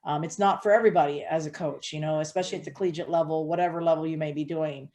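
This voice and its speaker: A woman coach from Hawaii speaks in a fairly low voice. She answers interview questions earnestly and steadily, with plenty of ums and uhs. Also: racing. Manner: earnest, steady, with frequent fillers. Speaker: head softball coach.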